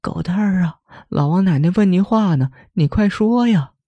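A man's voice: sits high, moderate pace, no echo, dull audio, voice pushed up. A man voicing a frantic village mother who pleads tearfully. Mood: pleading.

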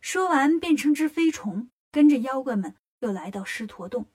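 A woman narrating a children's story in a lively, expressive way. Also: sits high, normal speed, breathy edge.

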